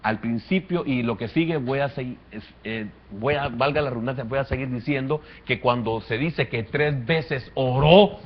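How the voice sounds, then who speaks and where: A man preaching a sermon as pastor, swinging from quiet to loud. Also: medium pitch, normal speed, a little hiss or hum. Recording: muffled lo-fi church recording.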